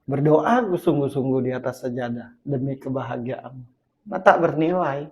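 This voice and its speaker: A man hosting a casual talk about marriage, thinking aloud and acting out examples, his voice swinging from loud to hushed. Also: medium pitch, animated, normal speed. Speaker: host.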